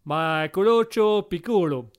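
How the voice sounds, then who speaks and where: A man voicing a male Italian driving examiner who speaks slow, drawn-out fake Italian gibberish with a mock Italian accent in a comedy radio sketch. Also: high voice, clean tone. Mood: theatrical.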